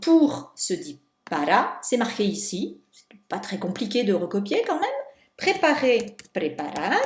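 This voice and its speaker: Lively woman teacher in an echoey room. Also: mid-range voice. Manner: explains step by step, slows on key words. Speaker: Spanish teacher. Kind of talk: correcting homework for students.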